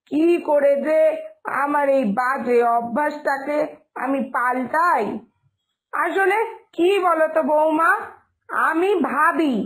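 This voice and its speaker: A woman voicing a loud, blunt older village mother-in-law in a cartoon, who gossips and cannot lower her voice. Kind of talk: Bengali cartoon voice acting.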